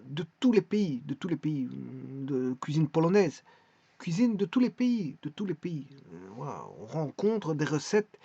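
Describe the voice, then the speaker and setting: A man's voice: fairly high pitch, mellow, slightly rough, no echo, dull audio. A man talking casually in a vlog, presenting a website with many hesitations, restarts and repeated words.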